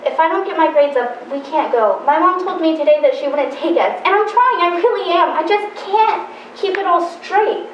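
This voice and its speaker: A woman's voice: high voice, lively intonation, brisk, hardly any pauses, highs cut off, a little hiss or hum. A young woman playing an anxious teenage schoolgirl who is falling behind in her classes, in a student film. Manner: anxious, pleading. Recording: roomy echo with faint music.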